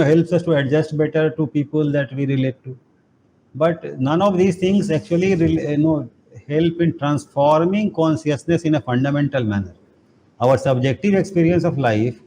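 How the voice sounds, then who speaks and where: A man's voice: medium pitch, warm tone, a little hiss or hum, rough recording. A man leading an online spiritual class, talking loosely and rambling with many "you know" fillers over a video call. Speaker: spiritual teacher. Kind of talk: casual online class talk.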